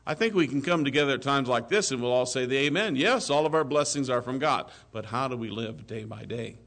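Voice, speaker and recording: Man preaching with swelling, dropping delivery. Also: medium pitch. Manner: preacherly, swells loud on key phrases then drops soft. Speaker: pastor. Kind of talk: sermon.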